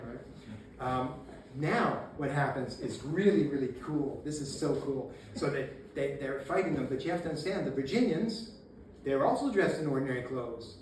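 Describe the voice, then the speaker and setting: A man giving a casual local history talk to an audience, telling the story with energy and acting out shouted lines and laughing along the way. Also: mid-range voice, moderate pace. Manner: animated storyteller, acts out shouted quotes, laughs often. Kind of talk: casual public lecture. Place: meeting room with audience. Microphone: distant camera. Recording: echoey room, faint noise, mic far off.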